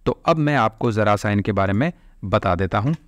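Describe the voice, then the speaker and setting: A man's voice: lowish voice, animated, no echo. Man teaching grammar, dry close sound. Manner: explains step by step, repeats words slowly syllable by syllable. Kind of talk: online class lecture in Hindi.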